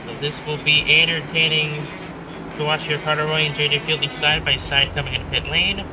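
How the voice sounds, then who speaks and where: A man giving live motorsport commentary as a race commentator, calling the action in drawn-out announcer phrases. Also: a little high, fairly even intonation. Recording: clear engine and car noise behind.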